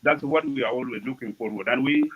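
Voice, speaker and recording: A man who is a community leader giving a formal speech at an online event, pausing often with fillers. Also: mid-range voice, slightly rough, narrow, tinny audio. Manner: halting, many fillers. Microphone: remote call audio.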